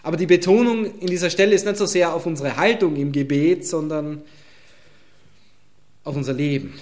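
A man's voice: fairly high pitch, moderate pace, a little mellow. A pastor preaching, expounding a Bible passage and speaking directly to his congregation. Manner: addresses congregation directly, emphatic Bible exposition. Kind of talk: sermon.

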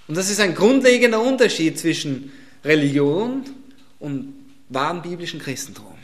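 A man preaching a sermon in a fairly high voice. He drives each point home with repeated phrases, then drops to a hush before rising to loud emphatic lines again. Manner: swings from emphatic loud lines to hushed near-whispers.

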